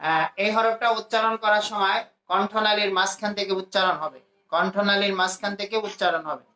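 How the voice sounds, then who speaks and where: A man from Bangladesh teaching a class to pronounce Arabic letters, slowly repeating each sound for his students. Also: high-pitched, steady tone, sharp tone. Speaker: Quran teacher. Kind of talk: classroom lesson. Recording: echoey room.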